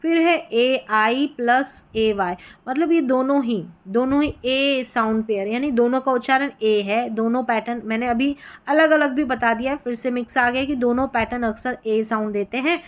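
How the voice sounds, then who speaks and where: धैर्य से शब्द दोहराती अंग्रेज़ी शिक्षिका. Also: female voice, a little high. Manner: patient, repeats each word slowly and checks with questions. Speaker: English teacher. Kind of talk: phonics lesson explaining spelling sounds.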